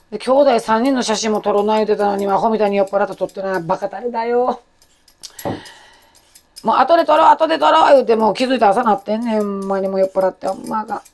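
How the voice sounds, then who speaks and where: A woman in her forties with a Kansai accent and a loud, rough-throated voice, chatting in a rambling, self-deprecating way while she cooks. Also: medium pitch. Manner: chatty, self-deprecating, jumps between topics. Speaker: cooking vlogger. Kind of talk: casual chat while cooking.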